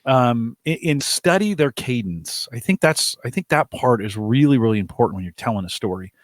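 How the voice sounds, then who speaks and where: A man's voice: mid-range voice, expressive, normal speed, dry recording, studio quality. A man co-hosting a casual podcast chat, talking thoughtfully and often restarting his sentences. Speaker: co-host.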